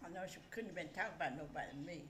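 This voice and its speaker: Here a grandmother rambles through her stories in easygoing conversation, letting thoughts trail away unfinished. She speaks low and rapid-fire with a fairly bright tone, in a reverberant space.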